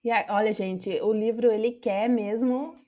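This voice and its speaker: Her voice runs on the high side, mellow and steady, at a normal speed. She is a Brazilian Portuguese-accented woman giving an online English class over a video call, explaining patiently into her computer microphone.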